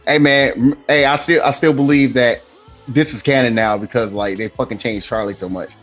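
A man co-hosting a streamed gaming podcast, talking in an animated, swearing way and laughing often. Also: mid-range voice, fairly quick, soft background music. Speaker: podcast co-host. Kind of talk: casual gaming chat.

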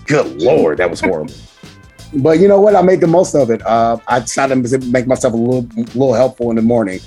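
A man with a hoarse, nearly lost voice hosting a casual podcast, talking in a slangy, self-deprecating, rambling way. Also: mid-range voice, lively intonation, a little fast, mellow, faint music behind. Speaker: podcast host.

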